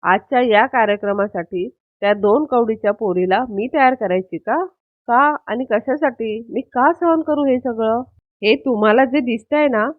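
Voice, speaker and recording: A woman's voice: fairly high pitch, close to an everyday voice. A woman reading the lines of a spiteful, scheming young woman who boasts of her plot. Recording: tinny phone-like audio.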